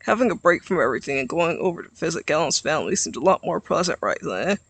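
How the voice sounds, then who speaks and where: A man narrating a story in an expressive storybook reading. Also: a little high, quick pace, gravelly, husky, no echo.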